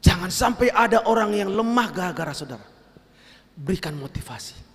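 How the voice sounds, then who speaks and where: A male pastor preaching a storytelling sermon, lively and given to shouting for emphasis. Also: high-pitched, a little fast. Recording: long hall reverb.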